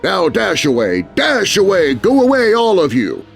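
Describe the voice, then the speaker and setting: A man voicing a jolly, blustering plump old Santa Claus in a theatrical, booming shout for a children's story. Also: huge pitch swings, measured pace, gravelly, full character voice. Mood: furious, shouting. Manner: theatrical, bellowing. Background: music.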